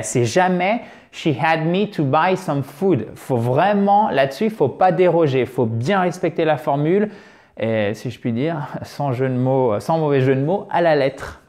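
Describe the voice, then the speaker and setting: A man who speaks French as his first language, teaching an English lesson to the camera in a lively, chatty way and joking at his own expense. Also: on the high side.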